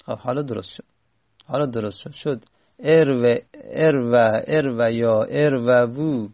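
A man teaching a grammar lesson, slowly repeating and sounding out word forms and correcting himself as he goes. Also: mid-range voice, darkish tone.

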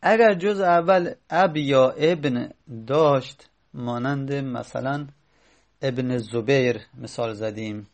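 A man teaching a grammar lesson, patient and explanatory. He repeats each step, stops to think aloud with fillers and slows down on the key examples. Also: mid-range voice.

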